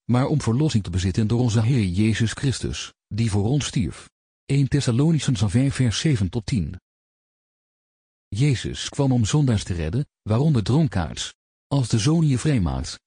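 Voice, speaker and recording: A man giving a solemn, measured scripted reading of a gospel tract, citing Bible verse after verse. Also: medium pitch, dark tone, husky, no echo, studio quality.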